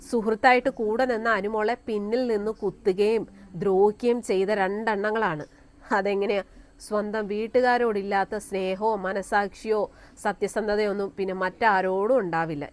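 A woman giving a scornful opinion commentary on her vlog, firing rhetorical questions and filling pauses with "aa" and "eh". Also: mid-range voice. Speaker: vlogger.

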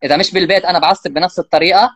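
Man, rapid-fire interview guest, very dry close recording, animated dialogue bits. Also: high-pitched, no echo. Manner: fast, animated, acts out parent and child lines. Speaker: guest expert on parenting. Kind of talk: casual explanatory interview talk.

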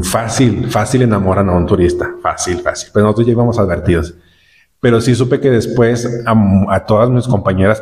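A man's voice: on the low side, a little mellow. A man from Nuevo León with a northern Mexican accent, casually telling a travel story in a rambling way, repeating words and using many fillers. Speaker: vlogger recounting a trip.

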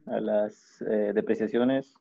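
A male student answering in class, hesitating and searching for words. His voice is low and flat in tone. The audio is dull and lo-fi. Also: slow, gravelly. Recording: dull lo-fi line.

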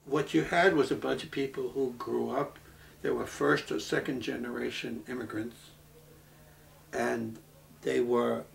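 New guy, real gravelly fry in his voice, talking a bit off mic, stops and restarts a lot, earnest. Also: mid-range voice, fairly even intonation. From Brooklyn, New York. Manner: halting, many restarts, earnest. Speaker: interviewee. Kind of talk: reflective documentary interview. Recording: voice from a distance off the mic.

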